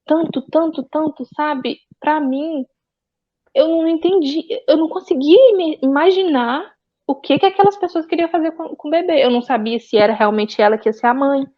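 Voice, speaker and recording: A woman's voice: high-pitched, normal speed. A woman, a guest giving earnest, pained personal testimony with a lot of repetition. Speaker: interview guest. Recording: dull lo-fi audio.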